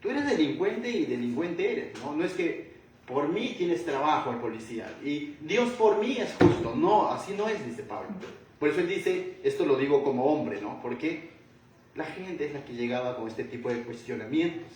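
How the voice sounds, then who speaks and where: A man teaching the Bible verse by verse as a pastor, animated and full of rhetorical questions, stretching out key phrases. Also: fairly high pitch, normal speed, a little hiss or hum. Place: church hall. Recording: echoey room, voice from a distance.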